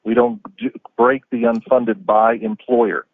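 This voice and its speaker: A man calling in by phone to a meeting, explaining figures in a measured way with frequent ums. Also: medium pitch, steady tone, no echo. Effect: heard over a phone call. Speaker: pension staff member calling in. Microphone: phone or headset on a call. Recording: tinny dry phone line.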